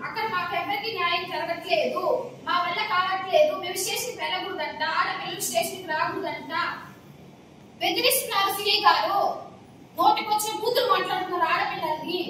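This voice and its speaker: A woman's voice: very high-pitched, sharp tone. A woman making an indignant, pleading appeal to reporters, repeatedly addressing them as sir. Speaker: complainant speaking to the press. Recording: echoey, distant mic, noisy surroundings.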